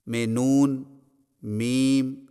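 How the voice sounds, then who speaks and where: A man teaching recitation, slowly chanting each syllable and word for the learner to repeat, with quick spoken instructions between the drills. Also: mid-range voice, flat delivery, warm tone, clear, resonant tone, in a large hall.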